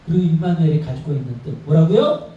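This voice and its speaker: A man's voice: fairly high pitch, lively intonation, fast talker, phone-quality sound. Male pastor in his thirties, emphatic repetitive sermon delivery, recorded far away in a very echoey hall. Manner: emphatic, repeats phrases, asks and answers own questions. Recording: roomy church sound from far off, faint noise.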